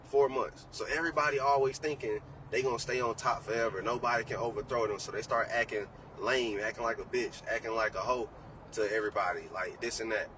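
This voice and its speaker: A man's voice: medium pitch, steady tone, brisk. A man in his late twenties talking as a podcast guest, blunt and profane, preaching hard-won advice. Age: 20s. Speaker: trading educator guest. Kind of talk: casual podcast talk. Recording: distant mic with faint background noise.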